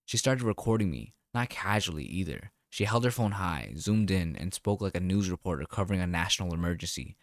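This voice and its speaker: Deep-voiced man telling a wry story. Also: no echo. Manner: calm, wry and deliberate. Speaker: narrator. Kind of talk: first-person story narration.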